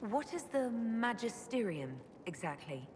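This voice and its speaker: An actress voices a frank, inquisitive adventurer in a video game, asking direct, probing questions with composure and a curious mood. Her voice is on the high side with big pitch swings and an unhurried pace, recorded in a reverberant hall with ambient noise.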